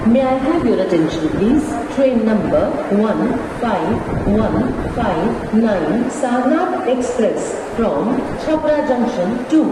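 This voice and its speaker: A woman railway announcer, making formal train announcements played over a station loudspeaker. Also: mid-range voice. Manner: formal, measured, repeated set phrases. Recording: echoey loudspeaker from far off, noisy.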